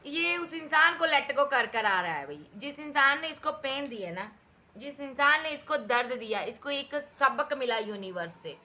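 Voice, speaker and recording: A woman's voice: a little high, sharp tone. A woman giving a tarot reading, talking emphatically and repeating herself as she addresses the viewer directly. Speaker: tarot reader.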